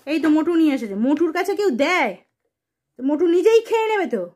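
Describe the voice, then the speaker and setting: Young mom with a really high voice, quick gentle questions to her little kid, playful chat. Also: sing-song. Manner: coaxing, asks many gentle questions. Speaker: mother filming her young son. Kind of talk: casual play chat with a small child.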